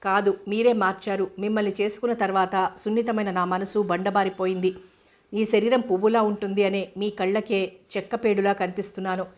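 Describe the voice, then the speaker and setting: A woman's voice: mid-range voice, little pitch movement, brisk, natural voice. Woman reading as a proud, wronged young wife. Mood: defiant.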